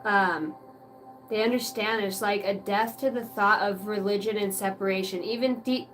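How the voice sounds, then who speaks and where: A woman's voice: mid-range voice, fairly even intonation, moderate pace, fairly bright tone. A woman doing a live tarot reading for viewers, talking casually with lots of fillers and the odd swear word, over faint music. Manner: casual, rambling, many fillers and mild swearing. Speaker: tarot reader.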